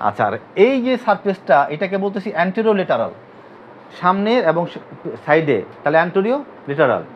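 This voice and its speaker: A Bangladeshi physiotherapy teacher runs an anatomy class, drilling his students with repeated questions and having them say terms back to him. His high-pitched voice has a sing-song lilt and a measured pace. The recording is dull and lo-fi, with a little hiss or hum.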